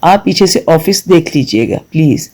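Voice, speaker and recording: Determined young guy, holds back, kinda dark voice , read by a man. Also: a little high, animated, rough recording. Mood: restrained.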